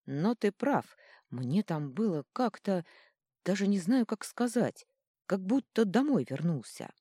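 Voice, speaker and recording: Gruff, grumbling male stone troll done by a woman, dark tone. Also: medium pitch, very animated, unhurried, no room sound, clean studio sound, pitched above the performer's own voice. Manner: grumbling, blunt.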